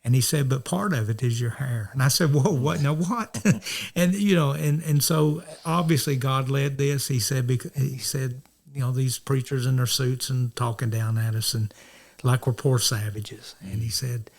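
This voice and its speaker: A man's voice: medium pitch, moderate pace, creaky. A middle-aged man from North Georgia, a minister telling stories in a rambling way, often restarting and acting out the dialogue. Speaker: minister, interview guest. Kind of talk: casual storytelling.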